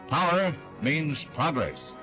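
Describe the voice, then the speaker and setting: Male announcer for an old-style newsreel: promotional, upbeat, slightly high register, music bed underneath. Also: animated, slow, sharp tone. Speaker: newsreel narrator. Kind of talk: 1960s old newsreel narration.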